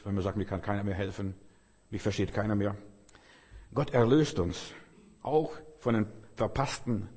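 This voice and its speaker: A man's voice: mid-range voice, darkish tone, breathy edge. A man preaching a sermon, emphatic and repetitive, stacking long lists of phrases. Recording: long hall reverb.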